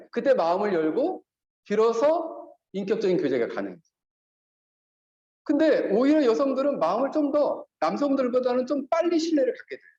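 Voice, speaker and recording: A male pastor preaching with a high, lively voice that swings widely in pitch, acting out the lines he quotes. The sound is roomy and a bit dull, like a church sanctuary recording. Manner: animated preaching, acts out quoted speech. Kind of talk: sermon.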